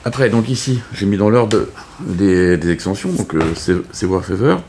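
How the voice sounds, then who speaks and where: A man's voice: on the low side, moderate pace, very noisy. A man casually explaining a board game setup, hesitant with many fillers and restarts. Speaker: board game video host. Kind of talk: casual unscripted game tutorial.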